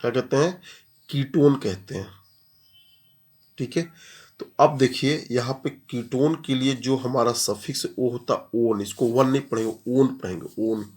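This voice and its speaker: A man's voice: medium pitch, fairly even intonation, moderate pace. A man teaching chemistry in a classroom-style lecture, explaining step by step, repeating key terms, and asking and answering his own questions.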